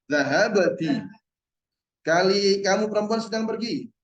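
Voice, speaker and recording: Patient male teacher drilling Arabic words slowly. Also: high-pitched, lively intonation. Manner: patient, slowly repeats each word. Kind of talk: online Arabic lesson drilling verb forms. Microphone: video call. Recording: roomy and dull-sounding.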